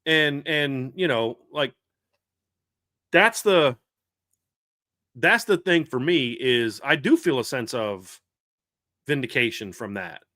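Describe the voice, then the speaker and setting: A man hosting a live sports talk show, talking in an animated, rambling way with frequent restarts. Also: mid-range voice, slow pace, long pauses, no room sound, clean studio sound. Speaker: podcast host.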